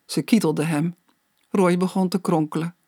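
An audiobook narrator reads a children's story at a slow, measured pace. The voice sits at a middle pitch. The recording is dry and close, with no room sound. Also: steady tone, mellow, dry recording.

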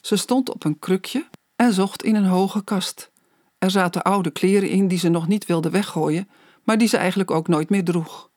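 An audiobook narrator reading a children's story aloud in a slow, measured way. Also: medium pitch, a little mellow, no echo, studio quality.

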